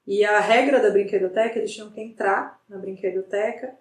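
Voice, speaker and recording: A middle-aged woman, a psychologist guest, telling a story in a lively way with many restarts. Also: medium pitch, brisk, far from the mic. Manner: animated retelling with frequent restarts. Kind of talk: conversational storytelling in an interview. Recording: roomy sound from off the mic.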